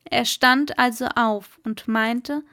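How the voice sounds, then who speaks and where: A woman reading a fairy tale aloud in a slow, measured storyteller manner. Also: on the high side, fairly even intonation, sharp tone, no room sound, studio quality.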